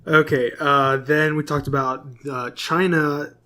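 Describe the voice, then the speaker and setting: Bright and forceful, this man's steady voice sits on the high side and moves at a measured pace. As a podcast co-host in casual conversation, he reads out corrections from notes, peppered with fillers.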